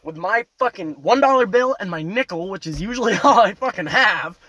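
A young man ranting to camera in a casual, foul-mouthed vlog, loud and animated, veering between yelling and muttering, parked at a roadside turnout. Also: sits high, fairly quick, dry recording. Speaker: vlogger. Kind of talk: casual profane rant to camera.

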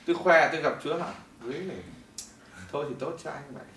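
A middle-aged man giving a testimony sermon in a church hall, telling his story in an animated way that swings between loud bursts and hushed moments. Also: on the high side, quick pace, slight background noise. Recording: echoey hall, mic at a distance.

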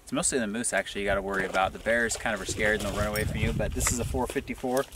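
A man in his thirties chatting casually on a hike in the woods, relaxed and loose with many fillers. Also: on the low side, rapid-fire. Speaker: vlogger. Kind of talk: casual outdoor vlog chat. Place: outdoors in the woods by a lake. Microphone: camera mic, some distance away. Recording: distant outdoor mic with noticeable noise.

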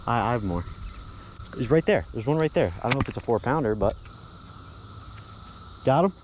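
A young man vlogging while pond fishing, excitedly talking to his viewers. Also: mid-range voice, moderate pace, slight background noise, rough recording. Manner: excited, exclamatory, talks to viewers. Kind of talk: casual outdoor fishing vlog. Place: outdoors by a pond.

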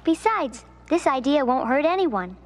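A woman voicing Wednesday, a composed, clever young cartoon girl with a measured, slightly superior manner. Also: high voice, big pitch swings, a little hiss or hum. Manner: measured, sensible and a bit superior.

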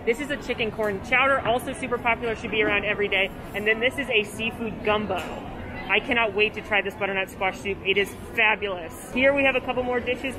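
This young adult food and theme park vlogger speaks at medium pitch, upbeat and gushing as she chats through a casual review and food tour. She's indoors at a large buffet restaurant, where the busy crowd's chatter is heard throughout.

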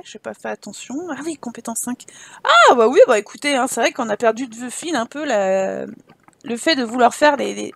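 A woman's voice: high voice, vocal fry, dry recording. A woman hosting a let's play, giving casual commentary and teasing her game characters as she plays.

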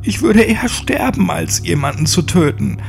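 A man voicing a frightened young male captive who pleads in a high, strained voice in a horror audiobook. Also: expressive, moderate pace, gravelly, faint music behind. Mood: desperate.

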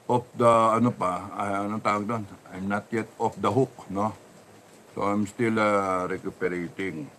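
A man speaks in a lowish voice and tells a personal story casually. He rambles and halts, often restarting his sentences. A faint noise sits behind him. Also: fairly bright tone. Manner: rambling, halting, many restarts.

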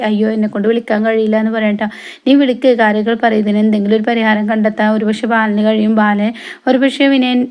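A woman rattles through the plot of a TV serial in a quick, steady patter. Her pitch barely moves as she passes lines from one character to the next. Small "eh" fillers and soft tag words close off many of her sentences. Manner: rapid, even retelling with frequent "eh" fillers and soft trailing tag words. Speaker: TV serial recap vlogger. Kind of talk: casual retelling of a TV serial episode.

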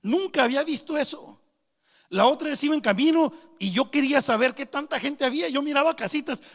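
A man's voice: very high voice, a little fast, a bit bright. A middle-aged man preaching a sermon, telling stories and calling out to the brethren as he goes. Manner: storytelling, keeps calling out to the brethren. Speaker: pastor. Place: church hall. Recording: long hall reverb.

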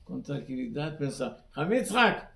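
A rabbi giving a weekly sermon in halting, simple Spanish that is sprinkled with terms. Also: male voice, on the high side, sing-song, vocal fry, bright, forceful tone, echoey room.

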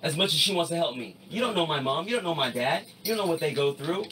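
A fast-talking man in his thirties argues loudly and defiantly on a livestream, his pitch sitting a little high and his points repeated over and over. He is caught from a distance on the mic, with a faint hiss of noise behind him. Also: lively intonation. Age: 30s. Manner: loud, defiant, repeats himself. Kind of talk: heated argument on a livestream.

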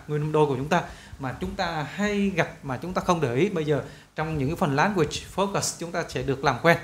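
Young male English teacher with a Vietnamese accent, slightly high voice, drills words with emphasis. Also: roomy sound. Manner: lively, repeats model words slowly and loudly. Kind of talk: pronunciation lesson.

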